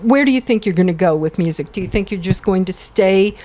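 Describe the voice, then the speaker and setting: Woman, American accent, interviewer, mid-pitched voice, encouraging, short agreeing replies. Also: lively intonation, quick pace, darkish tone. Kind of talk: casual interview.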